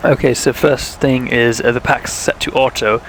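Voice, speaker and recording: A young man with a sore throat casually talks through a flight sim live stream, thinking aloud and speaking to his viewers. His medium-pitched voice holds a steady tone at a moderate pace, slightly bright, over a low-quality recording with a little hiss or hum.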